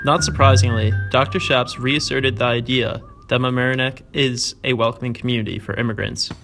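Male teen reporter, scripted narration, gravelly voice, faint music underneath. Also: medium pitch, fairly even intonation, fairly quick. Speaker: student reporter.

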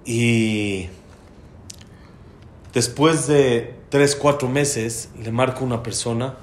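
Man telling a sermon story. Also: extremely slow. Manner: emphatic, heartfelt storytelling with swings in pitch. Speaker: religious teacher. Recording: roomy hall with faint background ambience.

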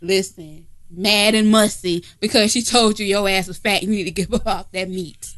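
A woman's voice: mid-range voice, steady tone, moderate pace, a bit bright. A woman co-hosting a casual comedy podcast from home, talking in a brash, profane, teasing way. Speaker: podcast co-host. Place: informal home setting, not a studio.

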